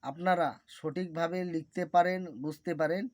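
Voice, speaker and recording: A man reciting a mantra slowly and deliberately, then explaining it plainly to his viewers as a teacher. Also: fairly high pitch, steady tone, dry recording.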